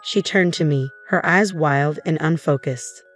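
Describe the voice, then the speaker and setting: A young adult woman narrating a dramatic first-person story in a steady storytelling manner. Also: low-pitched, a little slow. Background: faint background music.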